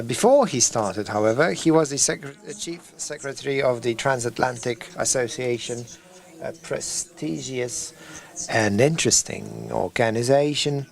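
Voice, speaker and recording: A man hosting an event, giving a formal podium speech of introductions in a halting, hesitant way. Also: mid-range voice. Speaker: event host introducing speakers.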